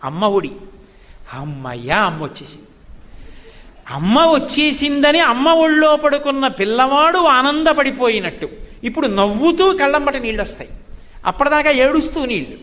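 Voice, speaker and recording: A man with a high, bright voice delivers a devotional sermon, telling stories in an animated way and breaking into recited Sanskrit verses. His voice carries a long hall reverb. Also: normal speed. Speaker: spiritual discourse speaker.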